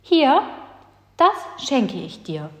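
A woman's voice: high-pitched, big pitch swings, drawn-out words, pitched above the performer's own voice, exaggerated voice. A woman playing a brave, defiant girl. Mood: earnest. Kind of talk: children's story reading. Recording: long hall reverb.

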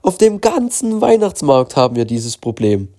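A desperate woman stall keeper wails about her troubles in a voice pitched far up, as a man reading a storybook puts her on. The tone stays mellow and soft underneath. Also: sing-song, normal speed. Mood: despairing. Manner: despairing, high-pitched.

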